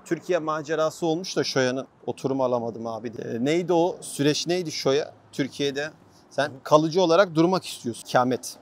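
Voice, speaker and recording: A man's voice: a little high, fairly quick. A man interviewing someone casually as a vlog host, chatting as he walks. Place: outdoors, walking in a city.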